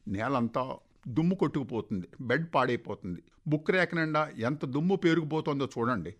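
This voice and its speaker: A man voicing a caring young wife who fusses over her husband in soft, coaxing speech, within a radio story reading. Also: medium pitch, expressive, fairly quick, close to an everyday voice. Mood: fond coaxing.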